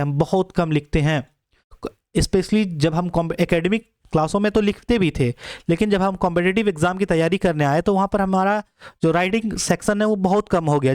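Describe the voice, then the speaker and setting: A man's voice: high-pitched, a little mellow, smooth, dry recording, clean studio sound. A young man teaching spelling for exams, explaining step by step and spelling words out letter by letter. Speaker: exam English teacher. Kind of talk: classroom lecture.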